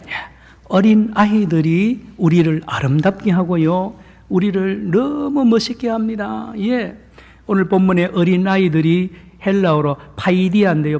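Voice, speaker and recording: A male pastor giving a lively sermon, often throwing questions to the congregation and using playful sales-pitch patter. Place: church sanctuary. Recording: long church reverb.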